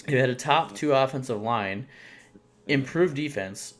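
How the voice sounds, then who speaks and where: A man's voice: medium pitch, unhurried. A man co-hosting a sports podcast in casual chat, rambling with lots of fillers and restarts. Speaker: podcast co-host.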